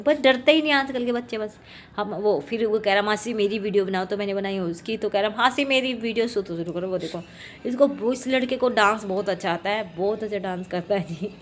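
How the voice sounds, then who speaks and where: A chatty woman in her thirties talks through her family's day like a home vlog, at a middle pitch for a woman. A faint hum of background noise sits under her voice. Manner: chatty, narrates family moments, frequent "जी". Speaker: family vlogger. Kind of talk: casual vlog narration.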